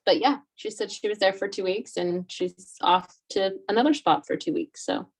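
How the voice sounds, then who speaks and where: A woman on a video call, chatting casually and telling a lively story to her meeting group, full of fillers. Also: medium pitch, normal speed. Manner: chatty, animated, lots of fillers. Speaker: meeting participant.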